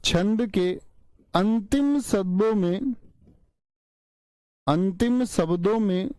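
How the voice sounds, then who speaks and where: A male teacher giving an online class lecture, speaking slowly, repeating key terms and quizzing his students. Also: high-pitched, warm tone, clear, resonant tone, no echo. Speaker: Hindi teacher.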